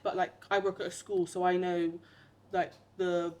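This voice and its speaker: A young English woman from a rugby team chats with her teammates. She speaks in a low, fairly flat voice, pausing and hedging as she gathers her thoughts. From England. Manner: hesitant, many fillers. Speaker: rugby player. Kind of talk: casual group chat.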